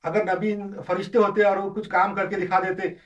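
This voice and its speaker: A man's voice: high-pitched, little pitch movement, normal speed, a bit bright. A man gives an informal religious lesson, explaining with examples and often hesitating or restarting. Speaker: religious lecturer. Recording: distant, dull lo-fi.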